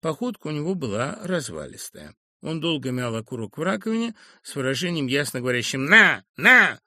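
A man narrating a literary audiobook in a measured, expressive storytelling manner. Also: medium pitch, dry recording, studio quality.

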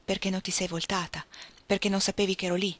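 A woman reading the lines of an eager, flustered young gentleman in an audiobook. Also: mid-range voice, little pitch movement, fast, close to an everyday voice.

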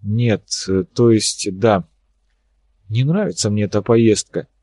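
A man's voice: fairly low pitch, takes it slowly, warm tone, no room sound, studio quality. A man voicing a wry, worried young woman.

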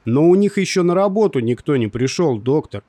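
A man voicing a frightened male kitchen worker with a hoarse voice, raised in pitch. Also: lively intonation, fairly quick, mellow, dry recording, close to an everyday voice. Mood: anxious.

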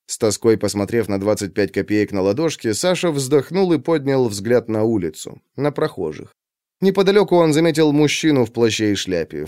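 A man narrating a crime audiobook with expressive storytelling. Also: medium pitch, clean tone, no echo, studio quality.

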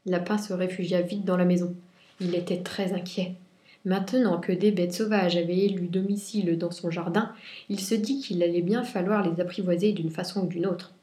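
Woman reading a picture book aloud, mellow. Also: fairly low pitch, normal speed. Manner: clear, expressive storytelling. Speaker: book reviewer and reader. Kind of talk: children's book review and read-aloud. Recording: roomy echo.

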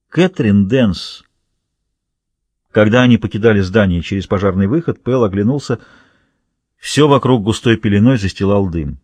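A male audiobook narrator reads a thriller in a steady, measured way. His voice is husky at a mid pitch, recorded dry and close with no room sound. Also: no room sound.

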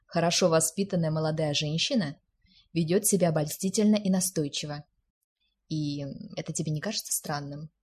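A woman reading as a teasing, sharp-witted young man. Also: low voice, a little fast, slight background noise, close to an everyday voice. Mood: exasperated. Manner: teasing, exasperated. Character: amused, mocking young man, sharp friend.

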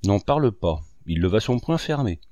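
Man reading a curt cocky young laborer, fairly low voice, dry sound. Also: very animated, normal speed, dark tone, dry recording, muffled recording. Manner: curt, dismissive. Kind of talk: audiobook character reading.

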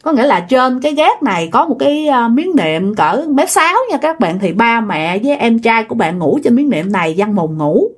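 Animated woman telling a ghost story. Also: on the high side, moderate pace, few pauses. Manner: animated, addresses listeners directly.

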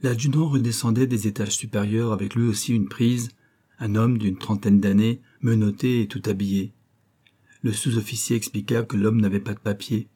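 A man reading a novel aloud as an audiobook narrator, in a measured, even literary style. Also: lowish voice, husky. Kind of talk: scripted narration.

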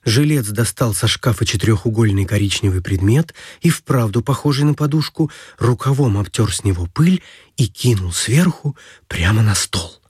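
A man narrating a story in a steady storytelling manner. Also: lowish voice, slightly rough, dry recording, studio quality. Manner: steady storytelling, brisk past-tense narration.

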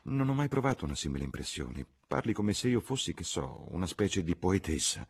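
A man voicing a candid, dreamy young English woman in an audiobook, raising his voice lighter and higher for her. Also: very animated, fairly quick, creaky, breathy edge, exaggerated voice.

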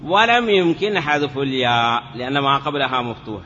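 A male teacher of Arabic morphology leads a classroom lesson in a bright, steady, mid-range voice, explaining patiently step by step, questioning the class and drawing out words slowly. The lo-fi recording sounds dull, with hall reverb and faint noise.

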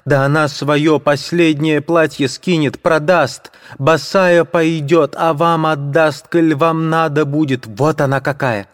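A frantic impoverished widow, as a male reader puts her on, shrieks and pleads in a shrill, raised voice. Her outcries tumble out in a breathless rush. It is a character voice in an audiobook reading. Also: fairly even intonation, takes it slowly, few pauses. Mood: anguished.

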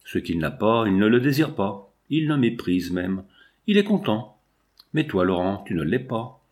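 A man voicing a wistful young woman about to leave her provincial town, speaking in a gentle, reflective way. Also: on the low side, sing-song, a little slow. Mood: pensive.

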